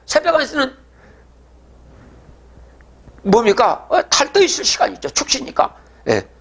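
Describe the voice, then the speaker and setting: Man, prophecy lecturer, bright tense tone, rhetorical questions, audience check-ins. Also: very high voice. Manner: asks rhetorical questions and answers them himself.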